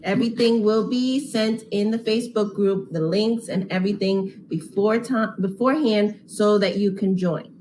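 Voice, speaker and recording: A woman co-hosting a live webinar Q&A, answering calmly and plainly. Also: medium pitch, normal speed, hardly any pauses, a little hiss or hum. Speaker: co-host.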